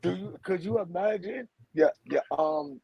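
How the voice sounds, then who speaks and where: This slow, gravelly Brooklyn man in his forties has a high, sing-song voice, heard through a muffled recording. A teacher and author on as a guest, he rambles through casual spiritual talk in slang, repeatedly saying "you heard?" and "for real."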